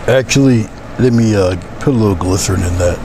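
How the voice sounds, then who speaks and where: A middle-aged man gently walking through a painting as instructor, thinking aloud in an unhurried, casual way while he works. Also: on the low side, background noise. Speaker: painting instructor and livestream host. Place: small indoor room with curtained window, painting at an easel.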